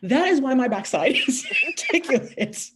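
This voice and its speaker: Speaking at a measured pace in a high voice, with a little hiss or hum on the recording, a Canadian woman appears as a guest on a podcast. Her casual storytelling is emphatic and lively, broken up by bursts of laughter.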